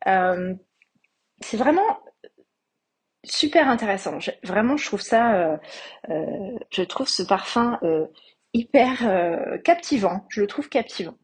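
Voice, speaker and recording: Breathy French woman reviewing perfumes. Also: fairly high pitch. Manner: hesitant, many fillers, enthusiastic about scents. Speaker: podcast host reviewing perfumes. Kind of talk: casual spoken review.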